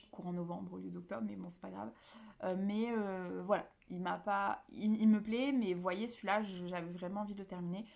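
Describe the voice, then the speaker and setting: A woman's voice: medium pitch, darkish tone. Chatty, rambling French booktube woman. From southern France. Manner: chatty, rambling, many fillers and restarts. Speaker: book vlogger. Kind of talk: casual chat to camera.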